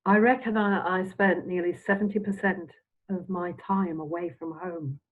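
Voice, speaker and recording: An older Scottish woman with a low, steady voice comes through on dull, phone-like audio. Interviewed as a Spiritualist minister and medium, she chats reflectively and anecdotally, her delivery halting and meandering with phrases that trail off.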